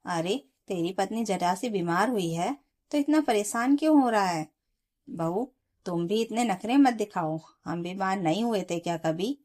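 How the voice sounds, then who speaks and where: A woman's voice: mid-range voice, animated, moderate pace, natural voice. A woman voicing a nagging, scolding old mother-in-law. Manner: sharp, nagging, sarcastic.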